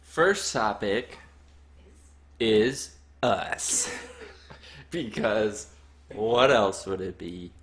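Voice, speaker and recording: A young man co-hosting a soccer coaching podcast, easygoing and quick to laugh. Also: lowish voice, lively intonation, fairly bright tone. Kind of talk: casual podcast chat.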